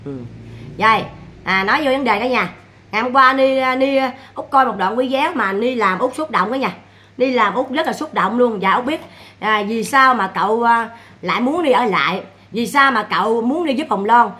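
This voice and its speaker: A woman chatting casually to her viewers, animated and scolding, with repeated exclamations. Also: a little high, normal speed. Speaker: vlogger. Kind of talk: casual livestream chat.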